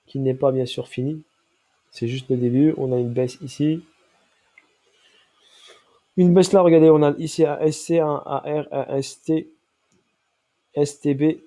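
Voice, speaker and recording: A man's voice: medium pitch, mellow. A man with a stuffy nose and a nasal voice from a cold, walking viewers through a trading chart and stopping often to check that they follow. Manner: explanatory, checks in with listeners often. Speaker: crypto trading analyst. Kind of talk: chart analysis walkthrough.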